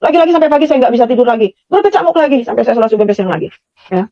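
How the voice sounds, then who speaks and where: A middle-aged woman tells her personal testimony at a rapid, earnest pace, often repeating phrases. Her voice sits fairly high but sounds mellow. The recording is dry and somewhat dull. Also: animated, no room sound. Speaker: testimony speaker.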